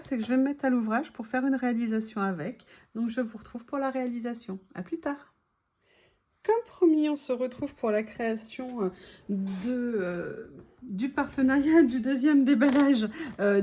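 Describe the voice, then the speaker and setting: A woman chatting casually to her viewers while unboxing craft supplies, gushing softly and adding small asides. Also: sits high. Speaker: craft vlogger.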